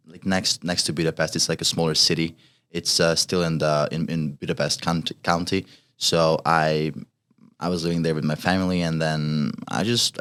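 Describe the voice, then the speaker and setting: A young Hungarian man in his twenties, a college fencer, chats casually as an interview guest with a Hungarian accent. His voice is low and fairly bright, and he's hesitant, with many fillers and restarts.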